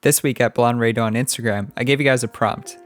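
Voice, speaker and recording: A man from Canada hosting a podcast, asking friendly, curious questions in a relaxed interview chat. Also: mid-range voice, fast talker, faint music behind. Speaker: podcast host.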